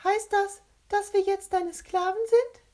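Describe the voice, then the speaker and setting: A woman voicing a captain character in a very high, squeaky, rattling voice. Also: fairly even intonation, unhurried, warm tone.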